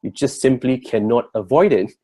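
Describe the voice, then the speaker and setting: A man's voice: mid-range voice, moderate pace, a little mellow. A man, giving an earnest, reflective talk as a workshop co-presenter and searching for his words. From Singapore. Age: 30s.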